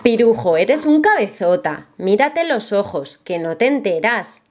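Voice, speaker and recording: Cheeky clever little girl voiced by a woman, patient and teasing, sing-song rhymes, lively pitch. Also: unhurried.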